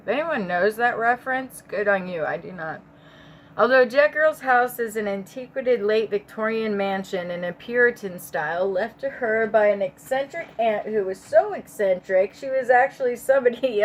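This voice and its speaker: A woman's voice: on the high side, lively intonation, moderate pace, a little hiss or hum. Stumbling, sick woman reading a story aloud. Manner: rambling asides, stumbling over words, swearing. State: sick and stoned. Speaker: audiobook reader. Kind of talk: casual amateur audiobook narration.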